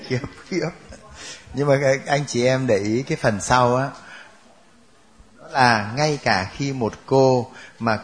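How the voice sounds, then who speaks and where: A man teaching a Bible class, joking and laughing with his students. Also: medium pitch.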